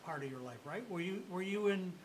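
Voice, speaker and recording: A male host of a talk show who speaks in a friendly, rambling and halting way while interviewing a guest. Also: sits high, expressive, a little hiss or hum, poor audio.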